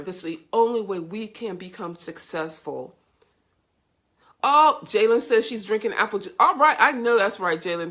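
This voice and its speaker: Hosting a casual live stream with a cold, a woman sounds congested and scratchy, yet her medium-pitched voice stays a bit bright. She's upbeat and effusive, calling out viewers by name.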